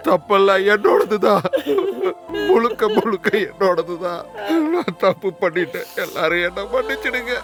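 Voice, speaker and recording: A man's voice: high-pitched, normal speed, over music. An actor playing a middle-aged father who tearfully confesses his wrongs. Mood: remorseful. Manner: broken, tearful. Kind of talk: film acting.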